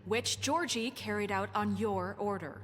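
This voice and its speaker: Actress as a firm, composed game official, mid-pitch, faint music behind. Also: female voice, unhurried, natural voice. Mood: formal. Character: composed woman leading a town hearing. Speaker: town official presiding over a hearing. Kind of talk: video game voice acting.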